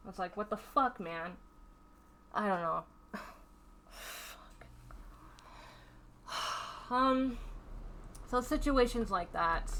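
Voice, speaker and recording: A woman with a mid-range voice and a sharp tone tells a painful story from her own life in a candid vlog, with slight background noise behind her. Upset and under stress, she swears heavily, sighs often and rambles with lots of fillers.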